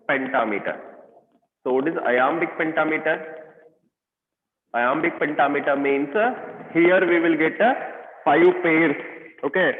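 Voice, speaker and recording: A man with an Indian English accent teaching an online class, explaining slowly with many fillers and questions to his students. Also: fairly high pitch. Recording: echoey room, tinny phone-like sound.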